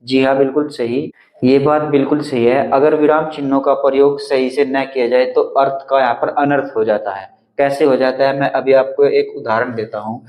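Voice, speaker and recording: Guy teaching grammar for exam prep, mid-pitched voice, goes step by step, kinda muffled lo-fi audio. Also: fairly even intonation, normal speed. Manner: explains step by step, pointing at a written board.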